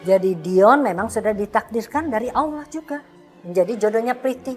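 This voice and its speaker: A woman dubbing a pious, patient middle-aged mother in a TV drama, calm and earnest. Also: a little high, a little fast, soft background music, close to an everyday voice. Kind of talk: dubbed TV drama.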